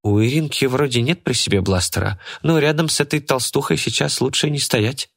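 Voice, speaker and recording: A man's voice: mid-range voice, brisk, creaky, pitched above the performer's own voice. A man voicing a wry young woman who mocks and jokes in a chummy way. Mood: amused. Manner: mocking and chummy.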